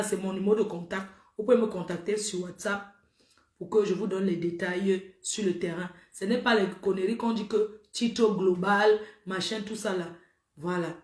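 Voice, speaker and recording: In a roomy, echoing space, a middle-aged livestream host scolds her audience with exclamations during a casual stream. Her voice is mid-range with a darkish tone.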